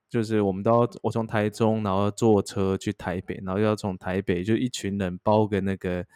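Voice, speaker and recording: Taiwanese Mandarin man, young, low voice, dry close sound; casual podcast storyteller who voices the people he quotes. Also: darkish tone, dry recording. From Taichung, Taiwan. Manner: acts out quoted dialogue while telling a story. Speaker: podcast co-host.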